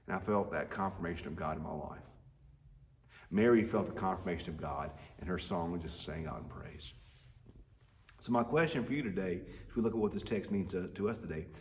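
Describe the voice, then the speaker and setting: Male pastor, reflective and earnest, cathedral echo around a distant mic. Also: sits low. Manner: earnest, reflective, with frequent restarts. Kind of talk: filmed devotional reflection. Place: inside a church sanctuary. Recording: echoey sanctuary, mic far off.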